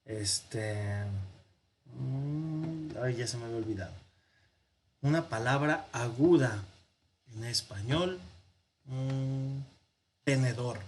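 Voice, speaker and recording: A man with a Mexican Spanish accent teaches a lesson in a slow, patient way, stopping often to think aloud. His pitch sits in a middle range for a man. A faint hiss runs under the recording. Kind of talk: language lesson. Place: parish classroom or home office.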